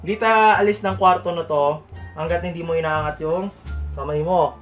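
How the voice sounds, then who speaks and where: Guy, pretty high voice, goofy coaxing tone, keeps saying commands to his pet. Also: fairly even intonation, normal speed, a bit bright, faint music behind. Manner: playful, coaxing, repeats commands, code-switches Tagalog and English. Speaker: vlogger training his dog. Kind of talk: casual vlog.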